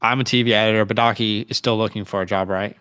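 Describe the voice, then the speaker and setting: This co-host of a casual sports livestream, a man in his late twenties, talks fast in a lowish, slightly bright voice with a steady tone. The clean studio sound is dry, and he uses lots of slang and chummy address.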